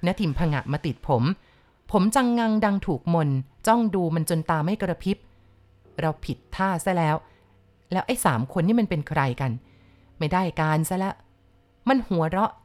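A woman reads a ghost story aloud, unhurried and deliberate. Her voice sits fairly low for a woman, with a steady storytelling pace. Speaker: audiobook reader.

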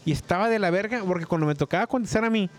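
A man's voice: sits high, racing. A young man, a podcast guest telling stories in casual, slangy chat and laughing often. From Mexico. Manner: animated storyteller, heavy slang, laughs often.

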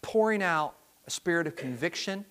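A man's voice: fairly high pitch, animated, a bit bright. Earnest man preaching with frequent restarts. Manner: earnest, halting with repeated restarts. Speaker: pastor. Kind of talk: sermon.

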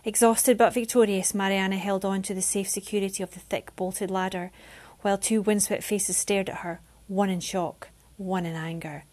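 A woman reading a novel chapter aloud with steady, expressive narration. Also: medium pitch, moderate pace, hardly any pauses. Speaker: reader.

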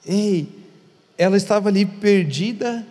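A man's voice: high-pitched, a little slow, darkish tone. A man who is a pastor, teaching in an earnest conversational way and repeating words for emphasis. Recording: long hall reverb.

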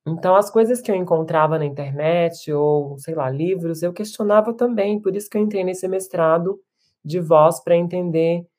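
Low, mellow-voiced woman musician. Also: normal speed. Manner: reflective, with many restarts and tag questions. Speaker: musician and performer being interviewed. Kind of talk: casual interview talk.

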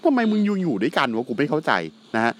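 A man's voice: on the high side, very animated, fast. A man co-hosting a casual wrestling chat, speaking in a blunt, slangy and profane way. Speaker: podcast co-host.

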